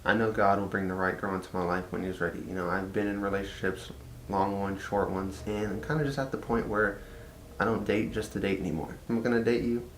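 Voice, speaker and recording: Speaking a little fast in a flat delivery, the young vlogger has a Texan Southern accent and comes from Texas. His casual personal vlog is full of "like" and repetitions, and the echoey room carries a faint rumble.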